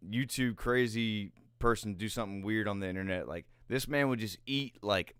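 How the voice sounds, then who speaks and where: A young man in his twenties with a low, smooth and resonant voice tells loose, rambling stories on a podcast. He talks in a relaxed, profane way and often laughs mid-sentence. The sound is close and dry, with no room around it. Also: moderate pace, no room sound. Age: 20s. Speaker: podcast co-host. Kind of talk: casual chat.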